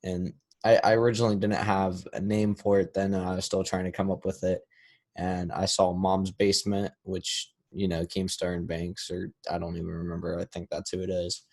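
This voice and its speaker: A man hosting his own podcast, answering listener questions in a casual, halting, rambling way with frequent restarts. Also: low voice, level tone, vocal fry, a little mellow. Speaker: podcast host. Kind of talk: casual solo Q&A.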